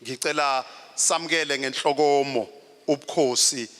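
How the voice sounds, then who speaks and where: A man serves as master of ceremonies, announcing formally in a bright, forceful voice of medium pitch. The sound has the long reverb of a hall. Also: fairly even intonation, moderate pace.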